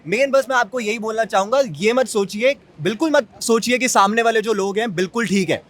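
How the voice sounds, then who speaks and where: ऊँची आवाज़ वाला युवक, सोच-समझकर बोलता हुआ. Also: male voice, sits high, fairly bright tone. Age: young adult. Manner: measured, mixes English into speech. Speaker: interviewee. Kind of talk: casual street opinion.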